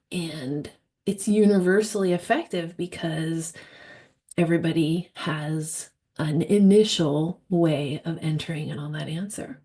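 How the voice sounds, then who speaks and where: A woman speaking as a hypnotherapist in an informal explanatory monologue, thoughtful and emphatic, pausing mid-phrase. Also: fairly low pitch, creaky, a little mellow.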